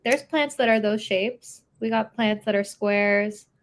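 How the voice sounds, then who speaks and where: A young adult woman co-hosting a podcast, telling stories in a lively, casual way and laughing easily. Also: mid-range voice, a little slow. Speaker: podcast co-host. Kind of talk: casual chat.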